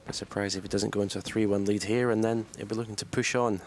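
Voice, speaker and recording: A man giving analytical live snooker commentary, unhurried and matter-of-fact. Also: lowish voice, fairly even intonation, slight background noise.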